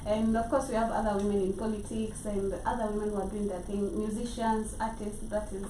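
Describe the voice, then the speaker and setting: A woman's voice: mid-range voice, flat delivery, brisk, warm tone. A woman with a Kenyan accent chatting casually on a show. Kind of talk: casual chat. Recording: echoey room, distant mic, background noise.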